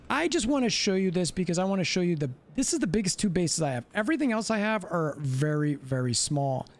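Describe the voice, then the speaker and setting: A man hosting a gaming channel, giving animated gameplay commentary and repeating himself for emphasis. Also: high-pitched, background noise.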